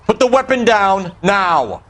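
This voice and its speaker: An actor playing a stern American police detective in a period crime game, clipped and commanding like a 1930s beat cop. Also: male voice, sits high, big pitch swings, takes it slowly, a bit bright, heavily acted. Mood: shouting, commanding.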